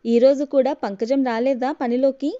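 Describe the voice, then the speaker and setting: Woman reading an annoyed husband snapping at his wife, kinda high warm voice, muffled lo-fi audio story. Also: steady tone, moderate pace, lightly acted. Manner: raised, scolding lines. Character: exasperated young husband, quick to scold. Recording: dull lo-fi recording.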